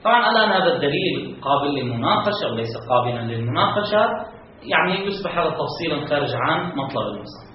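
A man's voice: fairly high pitch, lively intonation, fast, a little hiss or hum. A man teaching a philosophy lesson, walking through an argument and asking rhetorical questions that he then answers himself, with stress on the key terms. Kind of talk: classroom lecture explaining a text. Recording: echoey, distant, muffled room recording.

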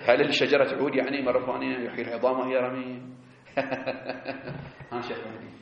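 A man giving a seminary lecture, explaining animatedly and drawing out key words slowly. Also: mid-range voice, flat delivery, a crowd in the background. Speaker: teacher of religious jurisprudence. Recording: echoey, dull lo-fi classroom recording.

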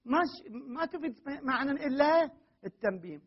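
A man's voice: very high voice, animated, normal speed. A man teaching a grammar lesson to a class, reading a text aloud and often stopping to question and correct his students firmly. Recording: muffled, dull classroom recording.

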